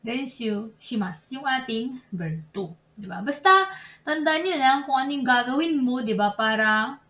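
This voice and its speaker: A young woman explains grammar in a chatty, self-correcting way, laughing at her own slips. Her voice sits a little high. The recording is roomy and a bit muffled, with faint ambience behind her. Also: expressive, measured pace, bright, forceful tone. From Philippines. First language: Tagalog. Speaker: Japanese language teacher. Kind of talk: casual online lesson in Tagalog and English.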